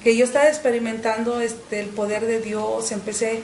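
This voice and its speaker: A middle-aged woman, giving an earnest personal faith testimony in an interview, often pausing on "este" and repeating words. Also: fairly high pitch, flat delivery, a little mellow, roomy sound, slight background noise, rough recording. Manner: earnest, with frequent "este" fillers and repetitions. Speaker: interview guest.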